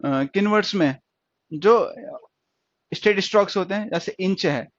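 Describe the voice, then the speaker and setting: A man teaching stenography in an online lesson, explaining step by step and repeating words and sounds slowly. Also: high-pitched, no echo. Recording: dry, dull lo-fi sound.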